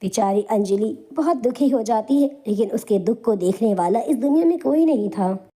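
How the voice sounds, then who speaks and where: A woman narrates a cartoon moral story with scripted, dramatic delivery. Her voice is mellow and fairly high. She tells it with sympathy. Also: lively intonation, moderate pace.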